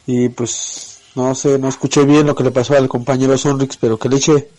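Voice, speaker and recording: A man's voice: mid-range voice, flat delivery, normal speed, dark tone, rough recording. A man with a Mexican accent, a listener checking in to a show with casual, slangy talk. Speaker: caller. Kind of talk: casual voice message.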